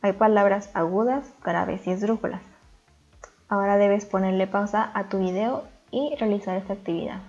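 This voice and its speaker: Steady woman teacher, lo-fi voice-over. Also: medium pitch, normal speed. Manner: calm, step-by-step explaining. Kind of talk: recorded grammar lesson.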